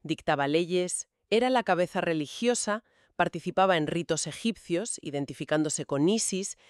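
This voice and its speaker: Speaking at a medium pitch with a clean tone, a podcast co-host explains history point by point during a casual conversation. The studio sound is clean, with no trace of the room.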